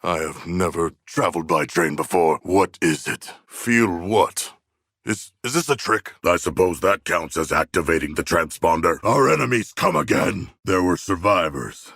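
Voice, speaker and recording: Video game shark demigod: proud, literal-minded warrior, formal diction, husky low voice with wide swings in pitch. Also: male voice, lively intonation, moderate pace, a bit bright, no room sound, studio quality, full character voice. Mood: fierce, booming. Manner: formal, stilted, solemn phrasing with few contractions. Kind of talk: video game character dialogue.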